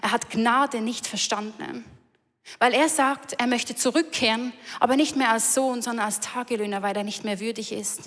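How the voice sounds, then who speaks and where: A woman's voice: on the high side, normal speed, fairly bright tone. A woman preaching a sermon in an earnest, emphatic way, repeating key lines. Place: large church hall. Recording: reverberant church hall.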